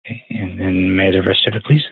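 A man's voice: low-pitched, fairly even intonation, a little fast, creaky, slightly rough, dry recording, soft background music. A man working as a phone operator, polite and businesslike, spelling back letters. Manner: polite customer-service tone. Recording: tinny phone line.

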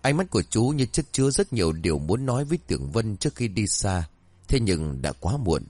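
Expressive low-voiced male storyteller. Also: brisk, husky, no echo. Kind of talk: scripted narration of a serialized story.

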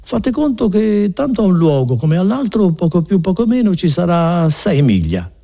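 A man doing a sly, nosy innkeeper, high-pitched. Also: very animated, normal speed, gravelly, mellow, full character voice. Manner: insinuating, sly.

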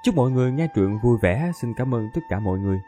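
Mellow-voiced male audiobook narrator. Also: medium pitch, rapid-fire, faint music behind. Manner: steady storytelling.

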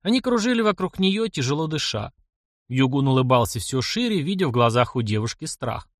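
A man narrating an audiobook in an expressive, dramatic storytelling manner. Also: mid-range voice, a little fast, dry recording, clean studio sound.

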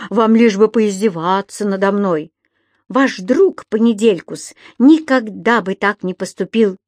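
A woman voicing a stern middle-aged landlady who scolds with shrill outbursts. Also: lively intonation, unhurried, dry recording. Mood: furious.

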